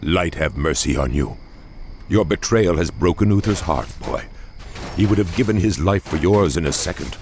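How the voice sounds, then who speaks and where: A stern paladin speaks low and gravely, full of sorrowful reproach. It is video game drama with faint noise behind the voice. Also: male voice, moderate pace, a little mellow. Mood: reproachful.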